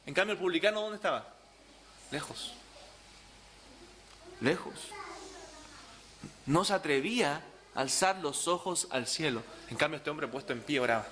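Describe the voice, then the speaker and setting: A pastor preaches with a high, piercing voice. He repeats key words for emphasis and keeps asking his listeners questions. Faint hiss sits behind him. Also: expressive, quick pace, sharp tone. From Chile. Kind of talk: sermon.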